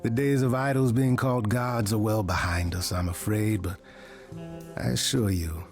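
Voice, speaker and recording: An actor playing a suave, teasing immortal trickster god in a video game, with flowery, arch courtesy. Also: male voice, fairly low pitch, fairly even intonation, normal speed, music in the background, natural voice.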